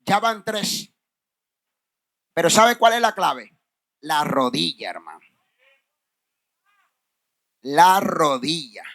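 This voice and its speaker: A man's voice: on the high side, very animated, slow, gravelly, long pauses, fairly bright tone. A man preaching a fervent Pentecostal sermon, calling the congregation brother and reading scripture aloud. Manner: fervent, addresses congregation as hermano.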